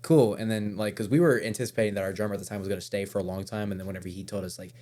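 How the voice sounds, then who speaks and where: Male metal vocalist guest, lowish voice, rambling casual delivery. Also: steady tone, racing, darkish tone. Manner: loose, rambling, restarts mid-sentence. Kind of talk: casual interview chat.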